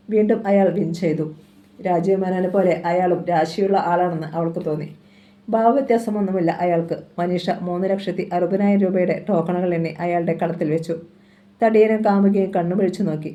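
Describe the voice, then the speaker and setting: Woman, audiobook narrator, crime novel reading, measured, low voice, mellow.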